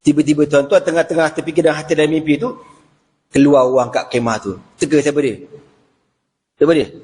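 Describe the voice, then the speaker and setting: Lively Malaysian preacher in an echoing hall. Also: male voice, on the high side, brisk. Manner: lively, humorous, addresses the congregation. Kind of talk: evening sermon storytelling. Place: mosque prayer hall. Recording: reverberant prayer hall.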